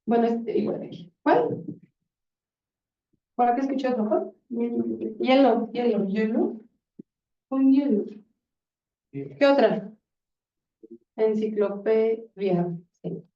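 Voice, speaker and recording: Pausing often and taking her time, a Spanish teacher guides a grammar lesson with questions and encouragement. Her fairly high voice is gravelly and expressive, and the distant lo-fi recording picks up an echoey room.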